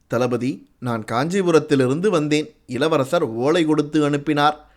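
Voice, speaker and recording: A man's voice: fairly high pitch, a little slow, lightly acted. A man voicing a polite, humble young warrior delivering a message, answering modestly and respectfully in an audiobook story.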